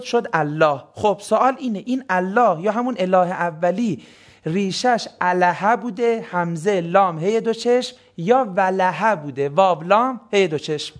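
High-voiced man giving a lively lecture. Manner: asks the class questions and answers them himself. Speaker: religious studies teacher. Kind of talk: classroom lecture on Quranic words.

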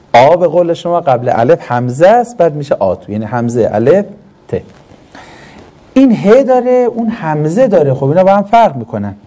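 A man teaching a classroom lesson, animated and quizzing his class, then answering his own questions. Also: fairly high pitch. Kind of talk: classroom lesson on Quranic Arabic grammar.

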